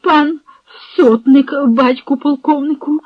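A reader voicing a frightened, scrawny man caught spying, pleading in a high, trembling whimper, in an audiobook. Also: fairly even intonation, slow pace, no room sound. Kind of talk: audiobook reading with character voices. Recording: dry, dull lo-fi recording.

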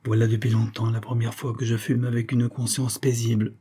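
A man's voice: medium pitch, flat delivery, brisk, mellow, slightly rough, close to an everyday voice. A man voicing a shrewd, contented older man in a read-aloud story. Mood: relieved. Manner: contented, easygoing.

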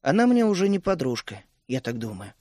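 A man's voice: mid-range voice, sing-song, a little fast, warm tone, dry recording, clean studio sound. A man voicing a young male captive in an audiobook who grumbles his blunt replies. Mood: sulky.

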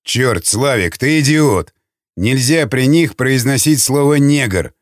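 A man doing a blunt, lively warrior. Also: mid-range voice, slow, no echo, studio quality. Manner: exclaiming, blunt. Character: bold male warrior, blunt and quick.

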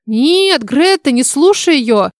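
A woman's voice: a little high, sing-song, fairly quick, no echo, studio quality. A woman reading the lines of a terrified young boy in an audiobook, with a thin, frightened, pleading voice.

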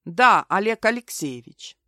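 A woman's voice: medium pitch, expressive, measured pace, pushed and bright, no echo. Guarded unsure older man, read by a woman, dry close sound. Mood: wary. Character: older man, wary and hesitant.

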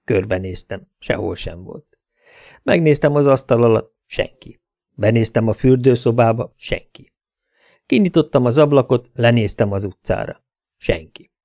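A man's voice: mid-range voice, creaky, dark tone, no room sound. A man tells a story in the first person in a laconic, wry manner. His voice sits mid-range for a man. The recording is dry and close. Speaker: audiobook narrator. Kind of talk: first-person audiobook narration.

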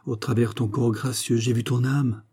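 A man voicing a mysterious, gentle celestial woman in a storybook reading, speaking softly. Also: mid-range voice, flat delivery, moderate pace, breathy edge. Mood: tender. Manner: gentle, soft-spoken.

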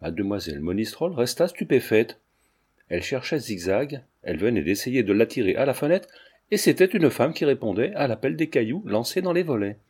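A man reading a classic novel aloud as narrator, with measured, steady storytelling. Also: medium pitch, breathy edge. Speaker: audiobook narrator.

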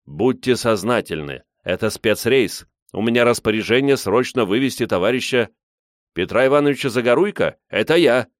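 A man's voice: mid-range voice, animated, moderate pace, no room sound, clean studio sound, voice pushed up, natural voice. Man voicing a burly official bellowing orders. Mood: pleading. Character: burly male official, commanding and loud.

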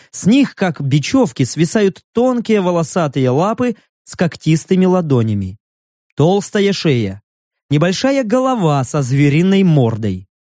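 A man's voice: on the high side, darkish tone, dry recording. A man reading a first-person story aloud in a dry, wry manner. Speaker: audiobook narrator. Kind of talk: scripted story narration.

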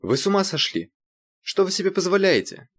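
A man voicing a rich, haughty woman who snaps at staff in a sharp, demanding way, for an audiobook. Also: medium pitch, very animated, fast talker, no echo, studio quality, voice pushed up, natural voice. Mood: indignant.

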